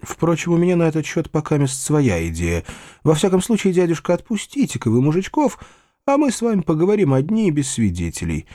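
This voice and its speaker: An earnest young gentleman, as a male reader voices him, pressing his questions with lively rises and falls. The sound is close and dry. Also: fairly high pitch, fairly quick, no echo, pitched above the performer's own voice. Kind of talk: audiobook character voice.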